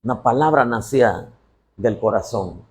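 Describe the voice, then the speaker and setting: A man preaching a sermon as pastor, acting out dialogues and bursting into shouts. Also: mid-range voice, moderate pace.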